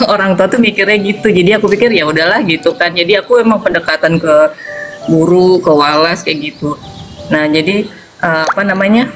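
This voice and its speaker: A woman in her forties, a mother, telling a story in a casual interview, acting out the quoted lines and laughing often. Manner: animated, acts out quoted lines with sharp pitch jumps, laughs often.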